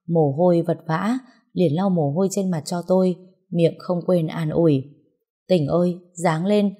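Low, mellow woman narrator. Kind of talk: first-person scripted story narration.

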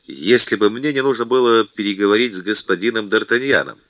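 A man's voice: lowish voice, a little fast, fairly bright tone, dry recording, muffled recording, lightly acted. A man reading the part of a timid, gloomy middle-aged prison governor who talks in a mournful way.

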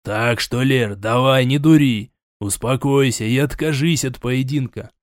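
A man playing a stern older prince, scolding, sighing, sarcastic, mid-pitched, dry sound. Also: measured pace, dry recording, close to an everyday voice. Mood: weary. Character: stern older male prince, suspicious and weary.

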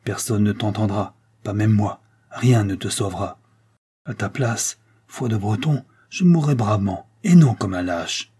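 A man's voice: fairly low pitch, measured pace, warm tone, breathy edge. A man doing a grim Breton avenger. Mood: menacing. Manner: grave, menacing, fierce. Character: grim, stubborn old Breton servant, man.

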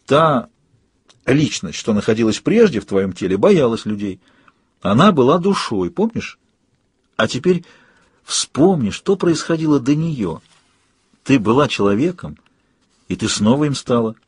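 Man doing a calm soothing doctor. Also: mid-range voice, a little slow, pauses often, slightly rough, no room sound, studio quality. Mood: patient. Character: calm, kindly male doctor. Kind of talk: audiobook reading.

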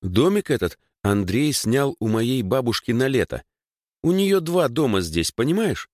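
A talkative young village girl, as a male narrator puts her on, chattering away in a voice raised high above his own. Her pitch leaps around eagerly, and the sound is dry and close. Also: sing-song, measured pace, a little mellow, no room sound. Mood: explaining. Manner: talkative, explaining at length.

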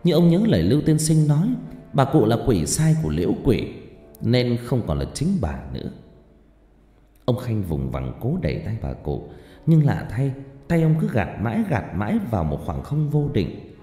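A man telling a horror story with a dark, mellow voice and a lively, swooping delivery. His narration is dramatic, moving between tense and hushed. A long hall-like reverb hangs on every word, with faint music behind. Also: mid-range voice, normal speed.

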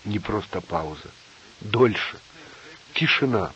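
A man narrating a novel in a calm, measured audiobook reading. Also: on the low side, a little hiss or hum. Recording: slightly dull lo-fi audio.

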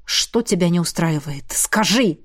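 A woman's voice: medium pitch, normal speed, lightly acted. Woman voicing a jealous, snarling young shapeshifter man. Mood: angry. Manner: growling, demanding, sneering. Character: jealous hot-tempered young male shapeshifter.

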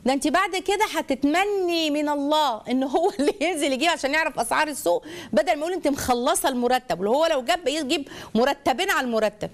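Egyptian lady host giving advice, talks super fast, kinda high voice, bossy coaching tone. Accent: Egyptian Arabic. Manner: direct, coaching, acts out little scenes. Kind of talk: call-in advice show.

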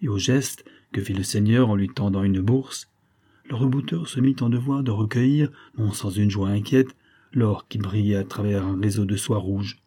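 A man narrating a classic novel in a measured, steady literary reading. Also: on the low side, slightly rough. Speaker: audiobook narrator.

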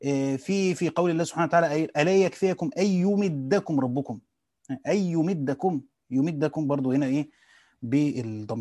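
Fast-talking Egyptian man teaching. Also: a little high, a little mellow, no room sound, clean studio sound. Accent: Egyptian Arabic. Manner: asks rhetorical questions and answers them himself; mixes dialect with classical Arabic, rephrasing as he goes. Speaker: teacher reading and explaining a classical Quran commentary. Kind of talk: casual study lesson.

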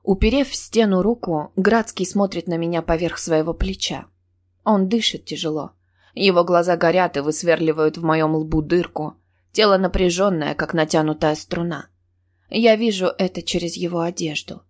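Woman reading a novel in first person, lowish voice, tense and emotional. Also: moderate pace, a little mellow. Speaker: audiobook narrator.

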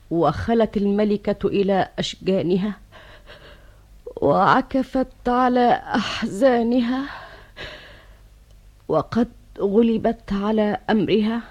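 A woman narrating as a storyteller in rhymed prose in an Egyptian radio play, slow and rhythmic. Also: medium pitch, a little mellow. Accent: Egyptian Arabic. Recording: dull old radio recording.

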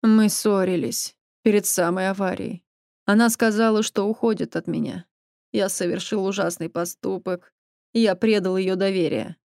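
A woman's voice: medium pitch, fairly even intonation, moderate pace, vocal fry, darkish tone, no echo, clean studio sound, lightly acted. A woman reading the part of a distraught middle-aged man who pleads and sobs over his injured wife. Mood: pleading. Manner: pleading, sobbing outbursts.

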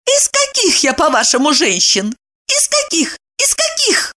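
A woman narrator voicing a shrill, hot-tempered married woman in dramatic, shrieking outbursts. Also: normal speed, sharp tone. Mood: hysterical.

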